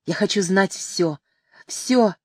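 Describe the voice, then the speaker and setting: A woman's voice: medium pitch, slow pace, dry recording, studio quality. A woman reading the lines of a passionate young man who pleads and weeps. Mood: pleading. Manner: pleading, emotional. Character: passionate young male lover, pleading and tearful. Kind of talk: audiobook reading.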